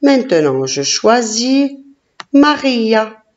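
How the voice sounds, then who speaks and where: A woman teacher leading a classroom phonics lesson, slowly sounding out syllables and praising each child. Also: a little high, big pitch swings. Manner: slow, encouraging, sounding out syllables. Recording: dull lo-fi recording.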